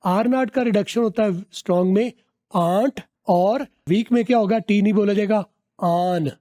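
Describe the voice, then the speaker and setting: A man teaching English pronunciation, explaining step by step, repeating example phrases slowly and drawn out, and asking his learners to guess. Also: sits high, mellow. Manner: asks learners to guess answers.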